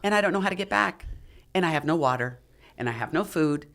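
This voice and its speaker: In a casual podcast interview, a middle-aged former figure competitor and mountaineer tells a dramatic story, animatedly voicing others' dialogue. She talks fast with a deep voice.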